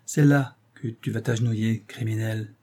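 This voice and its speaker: Jealous sulky young actress, a guy reading her, mocking and loud, dark husky tone under it. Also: lowish voice, steady tone, normal speed. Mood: commanding.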